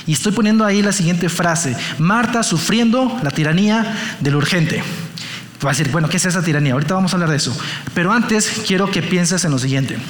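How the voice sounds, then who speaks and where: A man's voice: high-pitched, expressive, a little fast, echoey room, slight background noise. A man preaching a sermon to a live congregation, asking them questions and counting raised hands. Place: church hall with an audience.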